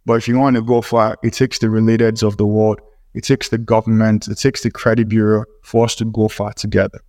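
A man's voice: fairly low pitch, flat delivery, a little fast, darkish tone, dry recording. A man speaking as a startup co-founder in an interview, explaining earnestly in formal, aphoristic wording.

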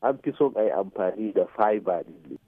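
A man's voice: fairly low pitch, expressive, fast, slightly rough, no echo. A man with a Nigerian Hausa accent explaining things as an expert radio guest, mixing in English technical terms and checking that the listener follows. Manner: checks listener follows with short tag questions. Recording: muffled phone-like radio sound.

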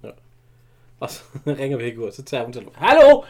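A man commenting casually on a film, chatty and quick to laugh, with mild swearing. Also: mid-range voice, fairly even intonation, a little mellow.

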